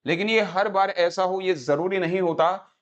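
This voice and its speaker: Haryanvi male teacher, higher voice, live class, drills words call-and-response, Hindi-English mix. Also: moderate pace, lo-fi sound. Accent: Haryanvi-accented Hindi and English. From Haryana, India. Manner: repeats words and quizzes students with call-and-response; mixes Hindi with English phrases.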